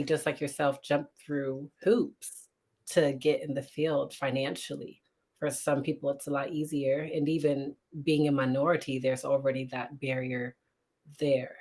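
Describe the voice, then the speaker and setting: Low-voiced woman host, sincere. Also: darkish tone. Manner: emotional, sincere, measured. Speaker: host and interviewer. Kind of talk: interview questions.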